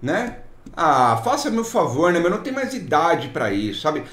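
A Brazilian man with a slightly high voice rants in a sarcastic, scolding tone, and his pitch swings widely as he mocks. The room around him gives his voice a noticeable echo. He sounds like a tech-support vlogger airing a grievance. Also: sing-song, normal speed, fairly bright tone. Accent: Brazilian Portuguese. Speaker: IT technician vlogger. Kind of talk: ranting commentary reading client messages. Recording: roomy echo.

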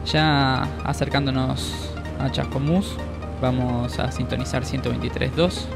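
An Argentine man gives an explanatory pilot's narration in a mid-pitched, noticeably gravelly voice. Music plays clearly behind him. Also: steady tone, a little slow.

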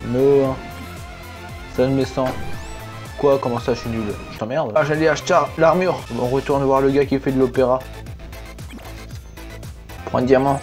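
A young man doing let's play commentary, excitable, yelping and swearing at the game as he plays. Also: medium pitch, normal speed, pauses often. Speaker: gaming YouTuber. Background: game music.

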